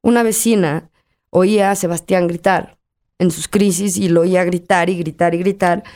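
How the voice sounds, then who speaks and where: A woman's voice: on the low side, steady tone, normal speed, darkish tone. A middle-aged Mexican woman speaks as an interview guest, her accent plain in every line. She tells a hard personal story candidly, with emotion close to the surface. She acts out the voices of the people in her story as she talks.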